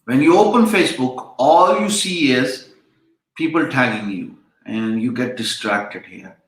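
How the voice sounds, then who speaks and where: In an echoey room, a chatty freelancing instructor gives a casual live-stream lecture at a measured pace. His mid-range voice is animated and a bit bright. Urdu is his first language, and he rambles, with many fillers and restarts.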